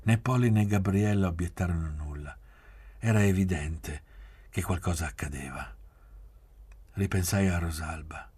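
A man reading a novel aloud in measured, quiet literary narration. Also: low voice, breathy edge. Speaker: reader.

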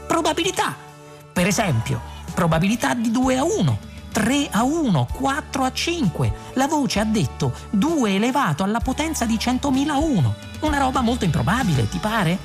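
A woman voicing a panicked male alien traveller in an audiobook, shouting in an excited, high-pitched way. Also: slow, over music, exaggerated voice. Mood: agitated. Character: panicked young man, frantic alien traveller.

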